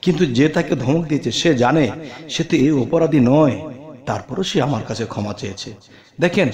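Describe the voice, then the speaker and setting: Earnest male preacher in an echoey room. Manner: earnest, rises on questions then drops low and soft. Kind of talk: religious talk.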